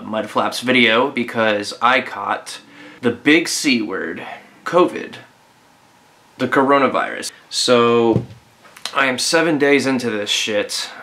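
A young man talking to camera in a bedroom for a casual challenge vlog, halting and deadpan, with crude humor. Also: mid-range voice. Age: young adult. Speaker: cameraman and vlogger. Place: bedroom indoors. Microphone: camera at about arm's length.

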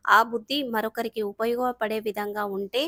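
Woman doing clever female crow, preachy, scolding, cartoon story, highish voice, dry close sound. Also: steady tone, moderate pace, fairly bright tone, dry recording, lightly acted. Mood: stern. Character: clever, bold female crow who lectures.

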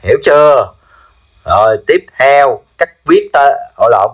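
A man teaches chemistry, drawing out his words slowly. He keeps firing short check-in questions at the class. His pitch sits in an ordinary middle range. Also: animated. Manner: drills students with repeated quick questions. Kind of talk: classroom lesson.

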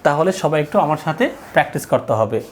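A man's voice: fairly high pitch, lively intonation, a little fast, slight background noise. A man teaching an English lesson in a classroom, drilling phrases and asking the class to repeat after him.

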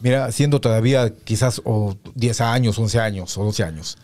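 A middle-aged radio announcer, reminiscing in an unhurried, reflective way, with frequent pauses and fillers. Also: male voice, fairly low pitch, darkish tone, faint music behind. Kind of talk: casual reminiscing conversation.

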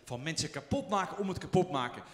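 A man's voice: a little high, lively intonation, fast talker, a bit bright. A man giving an effusive acceptance speech on a large theater stage, rambling with fillers. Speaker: award winner. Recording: echoey theater hall with audience.

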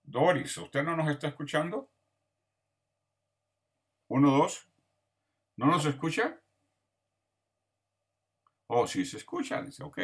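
A man's voice: a little high, very animated, slow, pauses often, husky. A man teaching an online grammar class, patiently listing words one by one and checking in with his students. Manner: patient, lists words one by one, often asks "¿verdad?". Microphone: video call.

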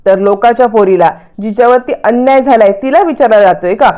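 A woman's voice: fairly high pitch, a little fast, mellow, highs cut off, close to an everyday voice. A woman voicing an angry elderly male patriarch who scolds his family indignantly while retelling a TV serial episode. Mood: indignant scolding.

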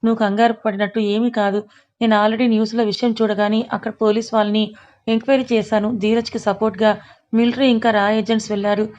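A woman reading as a calm, firm young man. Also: a little high, fast talker, highs cut off, lightly acted. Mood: soothing. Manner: soothing, firm.

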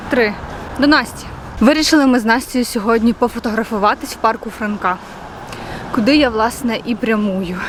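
A woman's voice: on the high side, background noise. Chatty young woman vlogging outdoors. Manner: chatty, playful, jokey asides to camera. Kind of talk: casual walking vlog. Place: outdoors on city streets and in a park. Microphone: handheld phone at arm's length.

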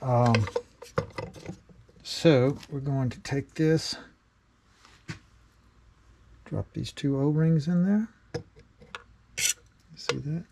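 A man's voice: on the high side, very slow, creaky, long pauses, background noise. A middle-aged man explaining a homemade build in a casual workshop how-to, plainspoken with many fillers. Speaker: DIY maker showing a build. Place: cluttered home workshop.

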